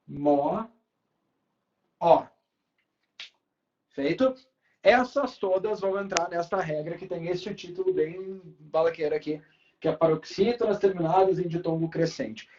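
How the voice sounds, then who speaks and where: A Brazilian teacher with a fairly high voice, walking students through a grammar rule at the board. He stretches out key words and keeps checking in with the class. The recording sounds dull and lo-fi. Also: a little mellow. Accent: Brazilian Portuguese. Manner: slow, drawn-out emphasis on key words, checks in with students often.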